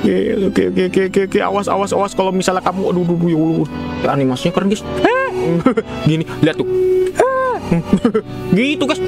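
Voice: mid-range voice, very animated, a little fast, gravelly. A gamer giving a let's play commentary on a horror game, jumpy and easily startled, with frequent exclamations and constant address to the viewers. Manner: keeps addressing the audience as "guys" and "Pak". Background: loud game music.

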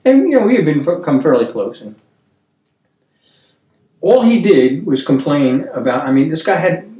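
A man in his seventies hosting a casual Bible discussion, earnest and storytelling, with halting restarts. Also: fairly high pitch, big pitch swings, warm tone. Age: 70s. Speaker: Bible study host. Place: dining room table, indoors. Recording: roomy, distant mic.

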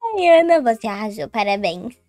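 A woman's voice: on the high side, big pitch swings, normal speed, a little mellow, no room sound, faint music behind. A young woman doing a giggly prankster twin girl. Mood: scheming. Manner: playful, giggly, exaggerated panic. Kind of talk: Roblox roleplay story.

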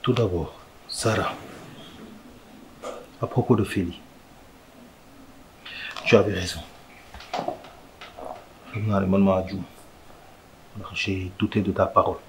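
An earnest lover with a Senegalese accent. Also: male voice, deep voice, steady tone, background noise. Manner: measured, earnest, mixing French and Wolof. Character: calm man proposing marriage to his lover. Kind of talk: TV drama acting. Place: restaurant dining room.

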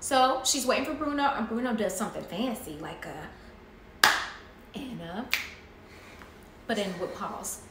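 A woman helping to tell a children's story in a lively, casual way, counting out dance steps. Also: mid-range voice, measured pace, pauses often. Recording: echoey room with faint noise.

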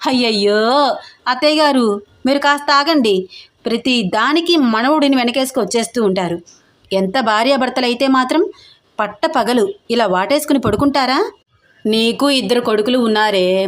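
A woman's voice: a little high, close to an everyday voice. A woman voicing a jealous, scheming middle-aged aunt who scolds and sneers in an audio story. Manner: sharp, sneering complaining.

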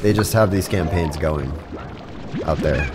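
With music in the background, a young man's rumbling low voice moves a little slowly as he talks with his live chat mid-game. He has a cold and sounds stuffed up, rambling and restarting himself often. He's recorded through a studio mic run through a compressor.

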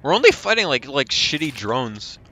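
Lively young man leading a game. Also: medium pitch, moderate pace. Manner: animated, bossy, clears throat often. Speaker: player leading a group game. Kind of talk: casual gaming chat.

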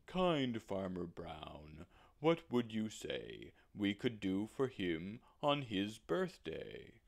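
A man voicing a gentle spotted mother cow in a storybook, with a slow, drawn-out lowing delivery. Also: big pitch swings, vocal fry, heavily acted.

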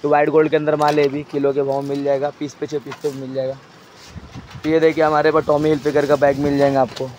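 Flat-voiced salesman man touring a cluttered storeroom. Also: a little high, a little hiss or hum. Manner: brisk salesman listing items and prices, directing a helper. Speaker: wholesale shop owner showing stock. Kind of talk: walk-through product showcase. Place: crowded indoor wholesale storeroom.

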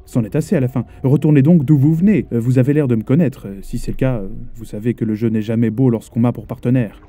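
A man voicing a stubborn, agitated sea captain who speaks in a gruff, exclamatory, insistent way. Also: medium pitch, steady tone, quick pace, dark tone, no echo, faint music behind, natural voice.

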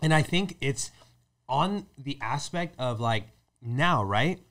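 A man's voice: medium pitch, expressive, slow, fairly bright tone. A man hosting a podcast in a casual chat, laid-back and slangy, laughing often. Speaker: podcast host.

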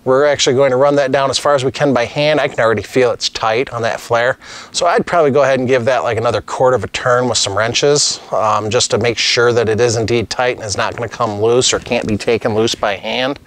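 Brisk and a bit bright, with a medium pitch and fairly even intonation, a middle-aged man explains things on his channel as a master plumber. He sits at a desk on an indoor studio set with a lapel mic, working with tools during a casual, practical demonstration.

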